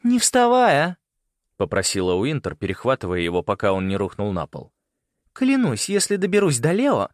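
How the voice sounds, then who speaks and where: A man's voice: sits low, fast, hardly any pauses, no room sound, clean studio sound, close to an everyday voice. A man voicing a tired, irritable teenage girl who grumbles in exasperation. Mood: exasperated.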